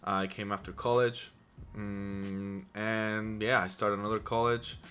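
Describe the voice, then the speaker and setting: A man's voice: on the low side, level tone, a little slow, a bit bright, slight background noise. A man in his thirties from Poland with a Polish accent, telling his life story to camera in a chatty, rambling way with many restarts. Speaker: vlogger. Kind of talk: casual personal storytelling to camera.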